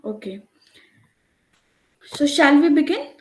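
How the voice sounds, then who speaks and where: Very animated yet slow, this woman has a high-pitched voice. She lectures online, explaining at length and checking in with "right?", captured by a computer mic on a video call in a room with echo.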